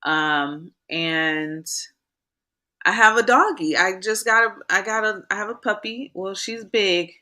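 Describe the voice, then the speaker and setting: A woman chef being interviewed, telling stories in a chatty, animated way with frequent ums. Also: fairly low pitch. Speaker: chef guest. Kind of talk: casual interview chat.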